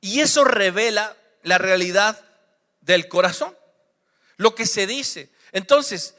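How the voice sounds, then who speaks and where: A man's voice: high-pitched, lively intonation, slow, bright, forceful tone, big-room sound. A man with a Mexican accent, a pastor preaching a sermon with emphatic rhetorical questions.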